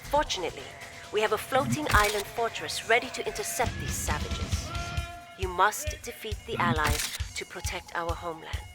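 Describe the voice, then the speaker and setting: In this video game cutscene, a woman performs a composed, loyal imperial logistics officer giving commanders a briefing. Her mid-range voice is expressive and lightly acted, yet formal, measured, deferential and resolute, over loud background music.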